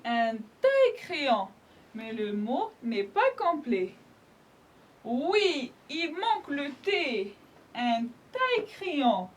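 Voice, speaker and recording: A woman teacher with an Algerian accent leads a French lesson for small children. Her voice sits very high and moves up and down expressively. She spells out each letter patiently and praises the class often. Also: big pitch swings, drawn-out words. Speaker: primary school French teacher. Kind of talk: slow, clear spelling lesson for young children.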